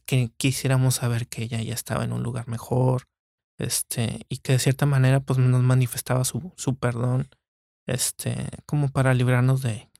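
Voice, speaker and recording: A man recalling a family memory in a halting way, with many fillers. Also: mid-range voice, vocal fry, a little mellow, no room sound, clean studio sound. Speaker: podcast guest. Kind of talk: personal recollection.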